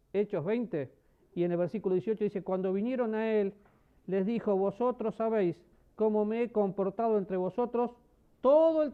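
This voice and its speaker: A man preaching a sermon, asking the congregation questions and swinging between loud emphasis and soft, low passages. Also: clean tone. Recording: dull lo-fi sermon recording.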